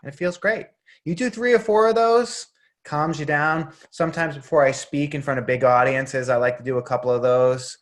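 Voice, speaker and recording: A middle-aged man from the area, a breathwork coach answering interview questions in a relaxed, open way. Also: a little high, moderate pace. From Boston area, US. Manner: relaxed and open, laughs easily.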